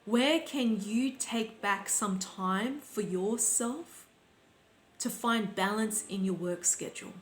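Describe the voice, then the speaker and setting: A woman life coach speaking reflectively to her audience, in a slow, deliberate and gently instructive way. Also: medium pitch. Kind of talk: reflective talk to camera. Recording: roomy sound with faint background music.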